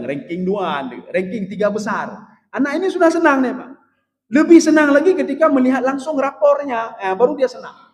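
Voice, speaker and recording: High-voiced preacher in an echoing hall. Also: male voice. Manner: conversational, addresses listeners as "Pak", chuckles. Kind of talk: sermon. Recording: echoey hall with long reverb.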